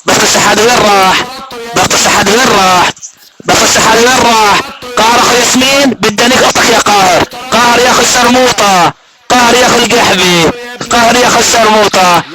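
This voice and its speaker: Jeering Levantine man, fast and high. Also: low-quality recording. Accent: Levantine Arabic. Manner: repetitive, jeering, hurls abuse. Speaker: voice-chat room participant. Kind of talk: taunting insult rant. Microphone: phone in a voice-chat app. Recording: heavy background noise.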